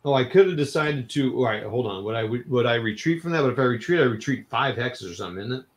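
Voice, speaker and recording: A man's voice: mid-range voice, lively intonation, quick pace. Man counting odds over a wargame. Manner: counts odds and dice aloud while moving pieces. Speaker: wargame player. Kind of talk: casual game commentary.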